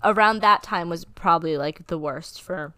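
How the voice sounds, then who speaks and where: A young woman in her twenties, co-hosting a casual podcast, speaks in a fairly low voice. She is candid and swears freely. The sound is close and dry, with no room echo. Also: normal speed, pushed and bright, clean tone. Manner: candid, swearing, fighting back tears. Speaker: podcast co-host. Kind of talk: casual chat.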